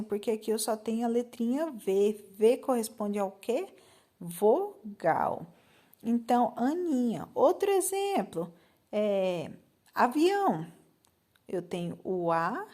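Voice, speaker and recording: Slow, patient Brazilian woman teacher. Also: on the high side, a little mellow. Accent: Brazilian Portuguese. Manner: slow, patient, spells out letters and checks with "certo?". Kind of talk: recorded remote lesson for fifth graders.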